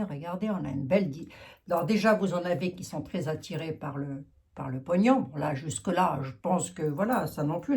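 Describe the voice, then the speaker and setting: Here a Lorraine-accented woman reads cards, her voice sitting low with a darkish tone. She talks openly in a relaxed monologue, working things out aloud amid plenty of fillers.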